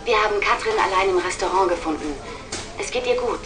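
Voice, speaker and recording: A woman playing a brisk speaker who delivers scripted practical messages in short, direct sentences. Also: mid-range voice, noisy background, lightly acted. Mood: composed, informative.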